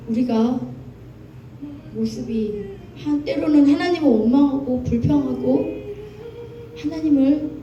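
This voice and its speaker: A woman's voice: high voice, muffled recording. A woman preacher delivering an impassioned sermon, acting out quoted voices as she goes. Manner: impassioned, acts out quoted voices of God and youth. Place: church sanctuary. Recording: echoey hall, mic at a distance, music behind.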